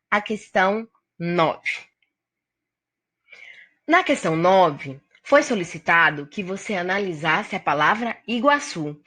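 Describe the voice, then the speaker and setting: A woman's voice: medium pitch, bright, forceful tone. A woman teacher with a Brazilian Portuguese accent, patiently explaining a grammar lesson straight to the student. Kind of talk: recorded classroom lesson.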